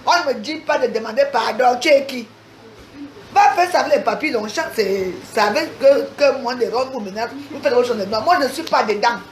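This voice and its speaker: A woman's voice: on the high side, reverberant, a little hiss or hum. A woman ranting angrily on her own livestream, hurling insults and challenges in a confrontational, repetitive way. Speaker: social media livestreamer. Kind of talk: angry livestream rant.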